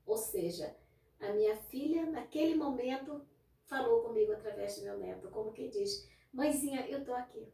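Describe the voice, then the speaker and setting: An older woman recounts a personal story straight to her viewers, her voice sitting a little high. She sounds some distance from the mic in a roomy, echoing space. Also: moderate pace, creaky, mellow. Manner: emotional, addresses viewers directly. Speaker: testimony speaker. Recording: echoey room, voice from a distance.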